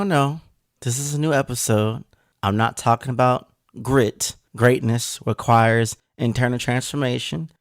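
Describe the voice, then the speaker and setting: Lively, emphatic motivational podcast man. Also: mid-range voice, no room sound, clean studio sound. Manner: energetic, emphatic, talks straight to the listener. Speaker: podcast host.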